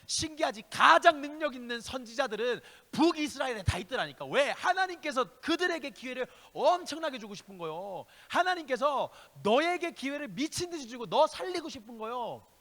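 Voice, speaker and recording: A man with a very high, bright, animated voice preaches to young people in a church, pressing them with rhetorical questions. He moves between loud exhortation and hushed asides. The sound carries a long reverb from the sanctuary. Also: fairly quick, few pauses. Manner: speaks directly to listeners with rhetorical questions. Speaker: youth pastor. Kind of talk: youth sermon.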